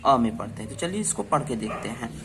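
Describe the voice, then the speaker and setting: A man's voice: medium pitch, big pitch swings, quick pace, background noise. A man teaching an English phonics lesson to children, asking and answering his own questions and spelling words letter by letter.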